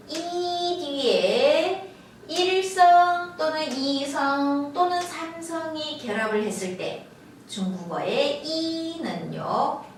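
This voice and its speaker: A high-pitched woman teaches slowly and patiently. She draws out model syllables and repeats them. Her voice rings in a very echoey room, a little back from the microphone. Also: distant mic, slight background noise. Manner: slow, drawn-out model pronunciations with repeated syllables. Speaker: Chinese language teacher. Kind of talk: Chinese tone lesson in Korean.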